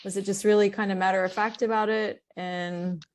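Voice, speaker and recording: A woman's voice: medium pitch, steady tone, brisk. A woman hosting a podcast, talking in a conversational way and asking open questions. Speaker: podcast host. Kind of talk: conversational interview.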